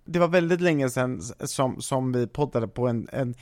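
A man co-hosts a relaxed podcast, telling a long story with plenty of hesitations. His delivery is chatty and meandering. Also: medium pitch. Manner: rambling, many restarts and fillers when telling stories. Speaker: podcast co-host. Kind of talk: casual chat.

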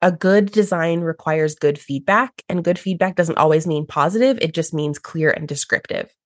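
A woman with a low-pitched voice hosts a podcast, walking through how she works as a designer. She sounds enthusiastic and explains things clearly. The recording is dry and close. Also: normal speed, dry recording. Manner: enthusiastic, explanatory, acts out clients in high voices. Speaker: podcast host, brand strategist and designer. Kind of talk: podcast conversation.

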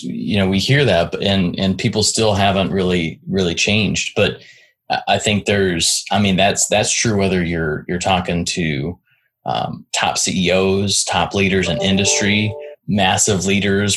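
A man's voice: sits low, fairly bright tone, slightly rough. A man hosting a conversational interview, talking in a rambling way with many restarts and frequent "right?" tags. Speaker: podcast host.

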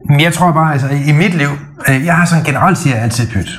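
A middle-aged man co-hosting a podcast, talking in a casual, animated way that often stumbles and restarts. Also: a little high. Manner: animated storytelling with frequent restarts. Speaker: podcast co-host. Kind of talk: casual chat.

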